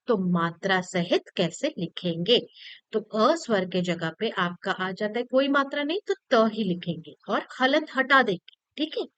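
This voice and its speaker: A woman's voice: on the high side, a bit bright, dry recording. A woman teacher patiently explaining a grammar lesson to children, repeating points and checking that they follow.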